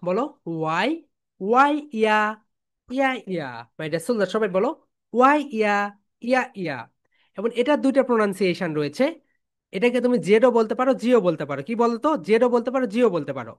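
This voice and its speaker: A woman's voice: mid-range voice, lively intonation. A woman teaching English letter sounds, chanting each sound and having the class repeat it. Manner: call-and-response drilling, repeating sounds slowly; calls students "my dear soldiers". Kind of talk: phonics drill lesson.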